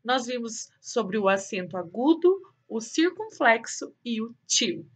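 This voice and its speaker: A woman with a Brazilian Portuguese accent, teaching a cheerful remote class and saying example words slowly and loudly. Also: on the high side, sing-song, slightly rough. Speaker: schoolteacher.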